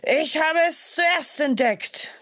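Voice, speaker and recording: Brief: a woman doing a huge, furious storybook tiger, pitched higher and loud, roaring slowly. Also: expressive, no echo, studio quality, full character voice.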